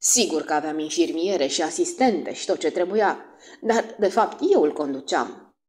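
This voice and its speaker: A strident, shrill middle-aged wife, as a woman narrator puts her on, fussy and self-absorbed, gushing over herself in a lively, swooping voice. An audiobook reading.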